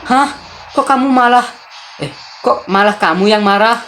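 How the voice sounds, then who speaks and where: A woman's voice: on the high side, moderate pace, music in the background, voice pushed up, lightly acted. A woman voicing a pleading, hurt young wife. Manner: pleading, tearful, raised voice.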